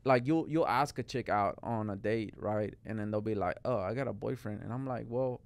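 A young Mexican man appears as a guest artist on a podcast, rambling casually and peppering his talk with "like" and "bro." His voice is lowish and gravelly at a normal speed, picked up by a studio mic on a boom arm.

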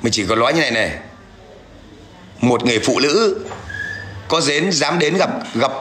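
A man's voice: medium pitch, lively intonation, normal speed, fairly bright tone. A man ranting aggressively on a livestream, taunting and coarse as he addresses viewers and an absent rival. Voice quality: gravelly. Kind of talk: livestream rant.

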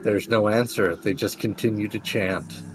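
A man's voice: lowish voice, fairly even intonation, normal speed, a little hiss or hum, poor audio. A man narrating an online tabletop game as game master.

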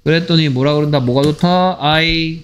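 Slow-paced Korean English teacher checking students. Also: male voice, a little high, expressive. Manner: repeats "됐습니까?" to check understanding; slow, drawn-out delivery of English phrases. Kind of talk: exam-prep English lesson.

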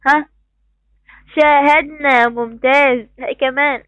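A woman's voice: sits high, moderate pace, a bit bright, no echo, dull audio. A woman with an Egyptian Arabic accent teaching an online class to young pupils. She encourages them, repeating praise and instructions. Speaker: primary school teacher. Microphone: computer mic on a video call.

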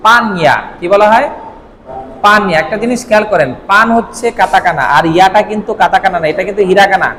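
Man, language teacher, high voice, long room echo, faint hiss, question-and-repeat drill. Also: a bit bright. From Bangladesh. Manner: asks questions and repeats words slowly for learners. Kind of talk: vocabulary drill lesson.

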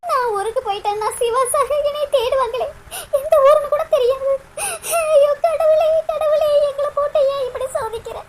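A woman's voice: very high-pitched, fast talker. A woman voicing a heartbroken young woman in a cartoon, talking through sobs and pleading. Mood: tearful. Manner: sobbing, pleading.

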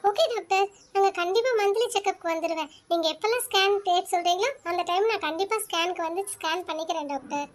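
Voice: very high-pitched, fast talker. A performer voicing a polite young wife in a cartoon, agreeing to the doctor's orders. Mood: obliging. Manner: polite, obliging. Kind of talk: cartoon voice acting.

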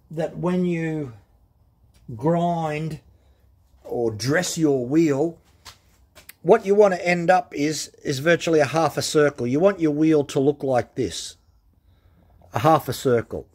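A husky-voiced man talks from behind the camera in his workshop. He explains step by step in a plain-spoken, practical way and hammers home his key points by repeating them. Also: fairly high pitch, darkish tone. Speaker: chainsaw sharpening instructor. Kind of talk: casual how-to demonstration. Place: workshop with grinders and tool wall.

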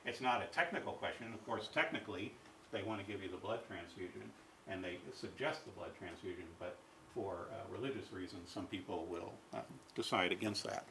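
Halting male lecturer in an echoey hall. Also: low-pitched, sharp tone, a little hiss or hum. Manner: halting, many fillers and restarts; asks the audience rhetorical questions. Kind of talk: university ethics lecture. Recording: echoey hall recorded from far off.

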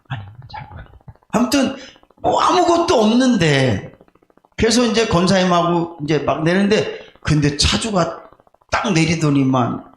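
A male pastor preaching a conversational, storytelling sermon, animated and confessional, making jokes at his own expense. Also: sits high. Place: church sanctuary. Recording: echoey church room with faint background noise.

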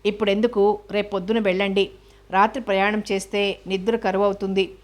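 A woman reading the lines of a hurt but spirited young wife who speaks gently yet firmly, in a storybook reading. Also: medium pitch, level tone, a little fast, close to an everyday voice. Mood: earnest. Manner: gentle, teasing and firm.

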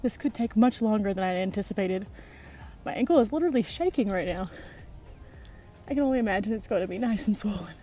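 A woman's voice: mid-range voice, lively intonation, fast, mellow. A woman in her thirties vlogging to a phone held at arm's length while climbing a steep outdoor trail, tired and out of breath. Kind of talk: hiking vlog to camera.

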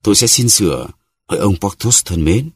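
A man's voice: on the low side, lively intonation, a little fast, slightly rough, no echo, studio quality, pitched above the performer's own voice. A man voicing a vain, boastful musketeer who talks haughtily and acts offended. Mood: haughty.

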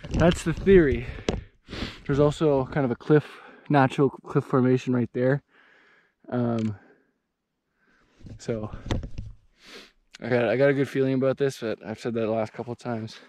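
A young man narrating a casual ice fishing vlog in an informal, excitable way. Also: mid-range voice, normal speed, pauses often, no echo. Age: young adult. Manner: informal, excitable, mild slang exclamations. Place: outdoors on a frozen lake and inside an ice fishing tent. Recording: clear background noise, clicks.

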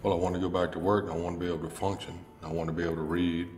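A man's voice: low voice, little pitch movement, rapid-fire, darkish tone. An older man telling his own experience plainly in an interview, recorded in an echoey room with music behind. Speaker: rehabilitation client. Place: indoor room at a table.

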